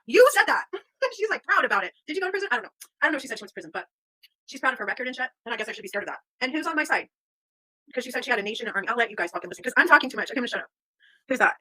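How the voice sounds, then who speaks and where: A woman's voice: medium pitch, pushed and bright, no echo, low-quality recording. A woman livestreaming a casual monologue in Valley girl talk, peppered with "like" and swearing. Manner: Valley girl talk, filler "like" and slangy drawl. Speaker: livestream host.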